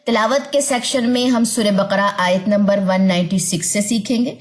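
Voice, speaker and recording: Patient woman teaching Quran recitation. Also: mid-range voice. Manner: patient, repeats points and checks understanding with "theek hai?"; slow, careful drawn-out pronunciation of letter sounds. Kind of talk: online tajweed lesson.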